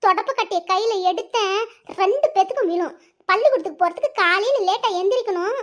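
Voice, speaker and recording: Fed up cartoon mom yelling at her kids, high pitched, woman doing her. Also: fast talker. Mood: scolding. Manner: scolding. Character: scolding cartoon mother, strict and fed up. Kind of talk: cartoon voice acting.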